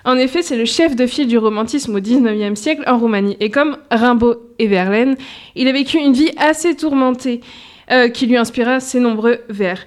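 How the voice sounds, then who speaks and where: A woman presenting a poetry game on a radio show, playful and quick to laugh. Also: on the high side, darkish tone. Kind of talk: radio chat and reading.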